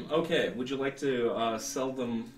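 A man's voice: medium pitch, takes it slowly, slight background noise. Man game master, roomy distant sound. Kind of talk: narrating a tabletop role-playing game. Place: indoor room, seated at a table.

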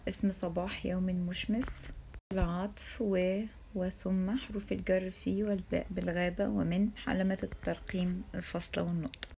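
A woman's voice: on the low side, vocal fry, darkish tone, slight background noise. A woman with an Egyptian accent teaching an Arabic lesson to young pupils, asking questions and leaving sentences open for them to finish. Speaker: primary school Arabic teacher. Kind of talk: recorded classroom lesson.

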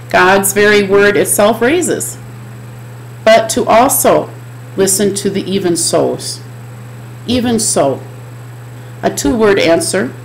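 A woman's voice: medium pitch, gravelly, a little hiss or hum, low-quality recording. Middle-aged woman preaching earnestly at a webcam. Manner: earnest, repetitive preaching cadence. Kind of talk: chapel sermon. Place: home office with bookshelves, indoors.

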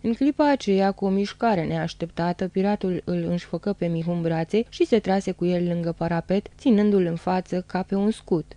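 A woman reads a novel aloud as an audiobook, telling the story in a steady, dramatic way. Her voice is low and mellow, and the recording is dry and close. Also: few pauses, dry recording. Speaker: narrator. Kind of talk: audiobook reading.

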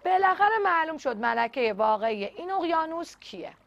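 A woman voicing a proud, bossy female mandarin fish in a children's storybook, with a shrill, screechy voice. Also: big pitch swings, vocal fry, a bit bright, heavily acted. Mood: haughty. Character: haughty shrieking female mandarin fish, would-be queen. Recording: dull lo-fi recording.

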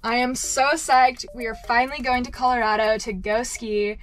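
A young vlogger gives an upbeat, giggly tour of her camper van for a handheld camera, starting close and then walking around. Her voice is a little high, steady, and moderately paced. Soft music plays behind her, and the recording quality is low.

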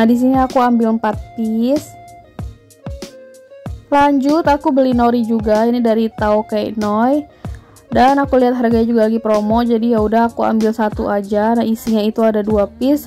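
A woman's voice: a little high, fairly even intonation, moderate pace, dark tone, faint music behind. A woman, chatting through a grocery haul voice-over and listing prices. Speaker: vlogger.

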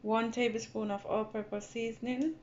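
A woman's voice: on the high side, little pitch movement, normal speed. A woman hosting a casual home cooking tutorial in her kitchen, chatty and repeating her steps to viewers she calls guys. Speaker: cooking channel host. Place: home kitchen at a gas stove. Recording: dull lo-fi phone audio with background noise.

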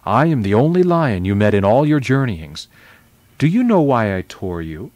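A man voicing a majestic, wise male lion in a children's story read aloud, speaking slowly and gravely. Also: mid-range voice, very animated, a little mellow, no room sound, natural voice. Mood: solemn. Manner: slow, grave, deliberate speech. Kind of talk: reading a children's novel aloud.

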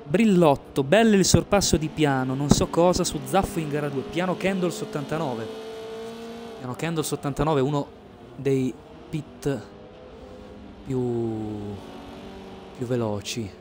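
Male race streamer over clear engine noise. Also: fairly high pitch, measured pace, long pauses. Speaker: esports race commentator and streamer. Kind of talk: live sim racing commentary, casual.

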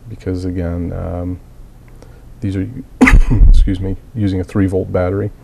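A man's voice: low-pitched, level tone, moderate pace, creaky, heavy background noise. A man recovering from a cold, coughing at times, plainly and methodically walking through a hobby build with frequent fillers. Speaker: miniature hobbyist. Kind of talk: casual tutorial walkthrough.

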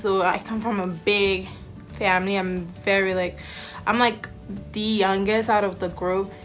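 A woman's voice: mid-range voice, fairly bright tone. A woman in her twenties, raised in Haiti, chatting to camera with a giggly, filler-filled manner in a small room. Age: 20s. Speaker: vlogger. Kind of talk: casual introduction to camera. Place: indoors, small room with backdrop. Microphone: camera in front, head and shoulders.

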